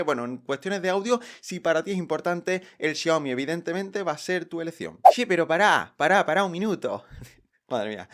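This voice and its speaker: Un hombre con acento de España que presenta reseñas de tecnología en tono informal. Tiene la voz bastante aguda y habla de forma juguetona, charlatana y enérgica. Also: male voice, sits high. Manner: playful, chatty, energetic. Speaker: tech reviewer, host. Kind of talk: casual tech review vlog.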